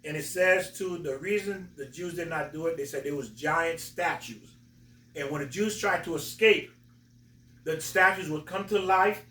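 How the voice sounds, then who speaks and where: A man hosting a talk, explaining religious stories in a halting, emphatic storytelling way. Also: on the high side, bright, forceful tone. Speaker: host, religious teacher. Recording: roomy echo, distant from mic.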